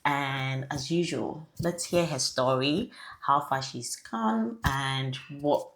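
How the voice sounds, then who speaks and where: Low, gravelly-voiced woman hosting a podcast. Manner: encouraging, asks questions, quick affirmations. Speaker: podcast host. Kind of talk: podcast interview.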